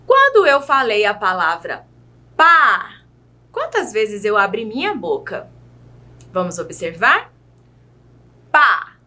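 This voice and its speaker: Slow, lively Brazilian woman teacher. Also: medium pitch. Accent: Brazilian Portuguese. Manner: slow, careful syllable-by-syllable enunciation; patient, addresses young pupils directly. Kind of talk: children's video lesson.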